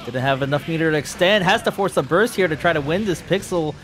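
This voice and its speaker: A man giving live play-by-play commentary on a fighting game tournament, calling moves quickly with bursts of excitement. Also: on the high side. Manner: fast play-by-play, bursts of excitement at big moments.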